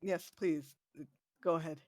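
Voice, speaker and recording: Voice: mid-range voice, fairly even intonation, measured pace. A player in a tabletop role-playing game, speaking in character in a tentative, polite way. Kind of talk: in-character roleplay.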